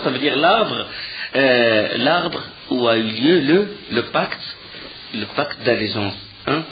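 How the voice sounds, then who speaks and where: A man's voice: mid-range voice, highs cut off, slight background noise. A man giving a lecture, telling the story with animation, often restarting his sentences and using fillers. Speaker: teacher of religious history. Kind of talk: recorded lecture retelling a story.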